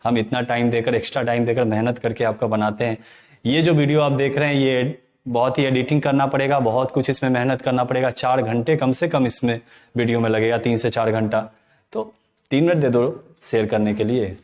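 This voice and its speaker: A man teaching an English grammar lesson, explaining slowly, repeating key terms and often checking that the viewers follow. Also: mid-range voice, steady tone, darkish tone. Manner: asks the viewers to comment.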